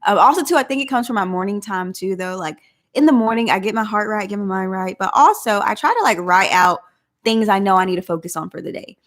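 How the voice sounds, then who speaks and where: A woman's voice: medium pitch, lively intonation, fast. Chatty woman with a country drawl. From Southeast Oklahoma. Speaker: vlog host. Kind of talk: casual live chat.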